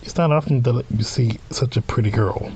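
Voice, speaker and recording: This man's mid-range voice is a little mellow and husky, and he keeps a moderate pace. Acting as a let's play host, he narrates a visual novel over game music, breaking up the text with informal asides and reactions.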